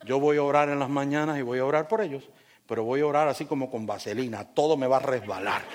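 A man preaching a sermon as pastor, animated and joking as he tells personal stories to his congregation. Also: mid-range voice, quick pace.

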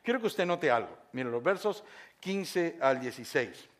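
A male pastor preaching a sermon, swinging from quiet asides to shouted praise and acting out voices of the congregation. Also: a little high, very animated, normal speed.

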